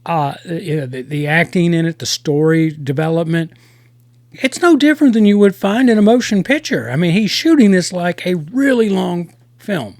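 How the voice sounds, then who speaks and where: A man hosting a casual review podcast, talking in halting starts with many restarts. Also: high voice, expressive, a little mellow, dry recording, clean studio sound.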